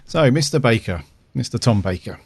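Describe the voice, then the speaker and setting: A man's voice: medium pitch, sing-song, normal speed, gravelly, husky, dry recording. A man chatting casually as a podcast host. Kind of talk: casual chat.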